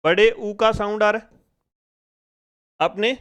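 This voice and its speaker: A man's voice: high voice, takes it slowly, a bit bright. A man teaching a spoken phonics lesson in speech, asking the class questions and drilling each sound step by step. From India.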